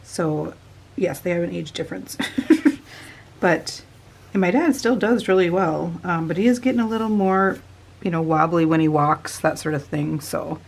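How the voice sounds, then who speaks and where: A woman's voice: lowish voice, moderate pace, gravelly. A woman in her thirties chatting casually while making a glued paper collage, often laughing and murmuring to herself as she works. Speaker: crafting vlogger. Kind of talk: casual chat while crafting.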